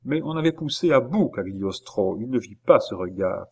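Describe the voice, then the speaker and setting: Brief: male audiobook narrator, measured and even, mid pitch. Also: husky. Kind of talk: scripted narration of a novel.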